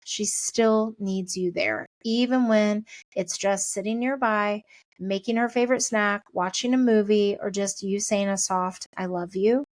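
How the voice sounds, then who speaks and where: A middle-aged woman hosting a parenting podcast, giving a chatty, encouraging pep talk and talking things through out loud. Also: mid-range voice, steady tone, measured pace, no room sound.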